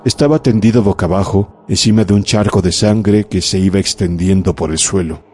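A man narrating a horror audiobook in a measured, dramatic way. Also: sits low, dark tone, breathy edge. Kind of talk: scripted narration of a horror story.

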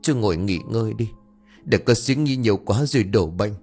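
A man's voice: lowish voice, lively intonation, moderate pace, darkish tone, faint music behind. A man voicing a young man who speaks in a caring, soothing way.

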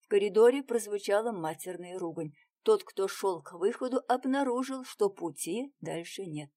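A woman narrating an audiobook with expressive reading that drops to a hush in tense moments. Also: mid-range voice, normal speed. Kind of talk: scripted narration.

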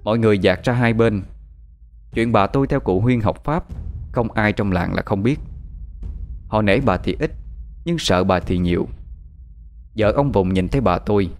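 Lower-voiced calm male storyteller. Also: moderate pace, pauses often, faint music behind. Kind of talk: scripted narration.

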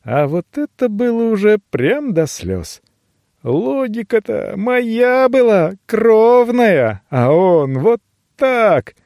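Man narrating an audiobook with lively pitch. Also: takes it slowly, dry recording, clean studio sound.

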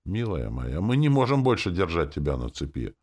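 A man doing a gentle older woman teacher. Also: low voice, big pitch swings, moderate pace, breathy edge, full character voice. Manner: gentle, coaxing.

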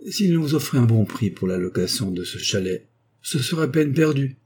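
A man's voice: mid-range voice, lively intonation, normal speed, a little mellow, breathy edge, voice pushed up. A man voicing a curt, suspicious old miser who sells timber, in an audiobook. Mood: wary. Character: gruff miserly old male timber merchant.

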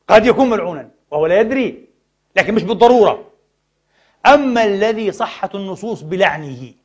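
A man preaching a sermon lesson, addressing the brothers with rhetorical questions and swinging between loud outbursts and quiet asides. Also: high-pitched. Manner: impassioned, rhetorical questions to the audience.

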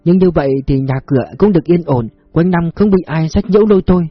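A man reading a story, voicing a humble, polite poor woman who sells food; husky and dry. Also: on the high side, fast, dry recording, muffled recording, soft background music, voice pushed up. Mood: deferential. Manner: deferential, polite.

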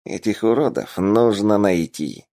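A man voicing a brash, blunt male fighter in an audiobook, with loud, impatient exclamations. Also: on the low side, very animated, a little slow, creaky, exaggerated voice. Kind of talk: audiobook character voice.

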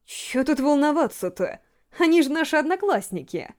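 A woman's voice: high voice, very animated, normal speed, darkish tone. A woman reading aloud, voicing a blunt, self-assured teenage schoolgirl with curt replies. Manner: curt and matter-of-fact.

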